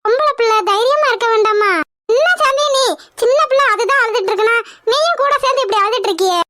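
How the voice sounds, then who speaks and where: A woman voicing a bold, protective middle-aged aunt in a cartoon, with a very high squeaky voice and a brisk, commanding, scolding manner. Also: background noise. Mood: stern. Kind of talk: cartoon voice acting.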